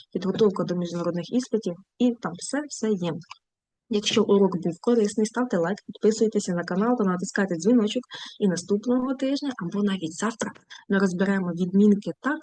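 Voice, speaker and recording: A woman teacher leads an online language lesson at a mid pitch. She explains points at a steady clip, then lays out each model phrase slowly and carefully. The sound is close and dry, with no room around it. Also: no room sound, low-quality recording. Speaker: German teacher.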